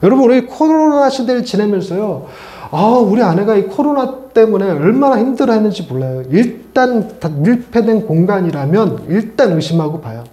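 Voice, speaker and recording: A middle-aged male pastor preaching a sermon, chatty and animated, with playful asides to his congregation. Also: high voice, normal speed, hardly any pauses. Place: church sanctuary. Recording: echoey church hall.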